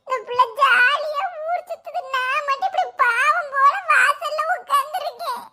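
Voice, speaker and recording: A chatty village girl, played by a woman in a cartoon. She teases and laughs as she talks. Her voice is very high and bright. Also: normal speed, heavily acted. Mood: teasing. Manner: lively, teasing, laughing.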